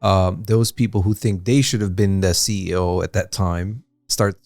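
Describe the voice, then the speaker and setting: A man's voice: low-pitched, fairly even intonation, normal speed, darkish tone, dry recording. A man co-hosting a casual history podcast, talking in a rambling way with many fillers and restarts. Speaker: podcast co-host.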